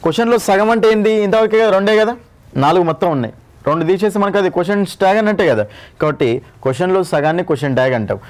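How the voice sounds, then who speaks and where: A man's voice: high-pitched, animated, rapid-fire. A man with a Telugu accent teaching an exam-prep English grammar lesson, repeating each rule and checking that students follow. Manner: repeats each rule and asks the class to confirm.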